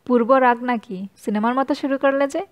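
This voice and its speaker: A woman's voice: high voice, normal speed, close to an everyday voice. A woman voicing a cheerful young woman who teases playfully in mock-formal banter. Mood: teasing.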